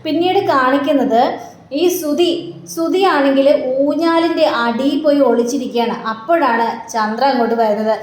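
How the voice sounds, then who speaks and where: A woman's voice: high-pitched, normal speed. A woman retelling a TV serial episode in a chatty, loose way. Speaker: TV serial recap narrator. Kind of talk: casual story recap. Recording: roomy with faint background noise.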